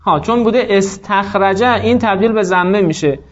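A man's voice: sits high, muffled recording. A male teacher giving a classroom grammar lecture, explaining step by step and quizzing his students by name.

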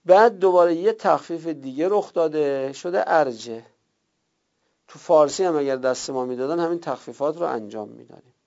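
A man teaching a class step by step, drawing out key terms slowly and checking his students' notes, heard on a dull lo-fi recording. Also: on the high side, gravelly, a little mellow. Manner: slow drawn-out repetition of terms. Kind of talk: classroom lesson on Arabic word roots.

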